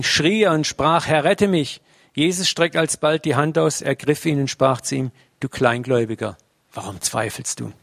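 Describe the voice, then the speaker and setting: A man's voice: fairly high pitch, no echo, clean studio sound. A man preaching a sermon in a conversational way, often tagging his sentences with a questioning "ne?". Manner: conversational, uses tag "ne?" often.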